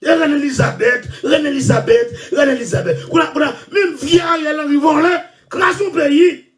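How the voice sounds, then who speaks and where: A man hosting an online show, ranting loudly and repeating himself. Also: very high voice, steady tone, moderate pace, recorded from a distance. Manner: shouting, loud and repetitive. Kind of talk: impassioned rant.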